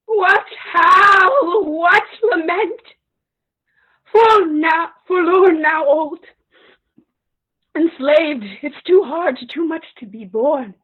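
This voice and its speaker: A woman's voice: sits high, expressive, unhurried, few pauses, warm tone, low-quality recording. An actress playing an old widowed queen turned slave, lamenting with crying in her voice. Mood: wailing grief. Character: old widowed enslaved queen, grief-stricken. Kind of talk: stage play reading.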